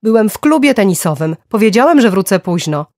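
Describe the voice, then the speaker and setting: A woman's voice: mid-range voice, very animated, a little fast, a little mellow, no echo, studio quality, pitched above the performer's own voice, lightly acted. A woman voicing a curt, cold, angry husband in an audiobook thriller.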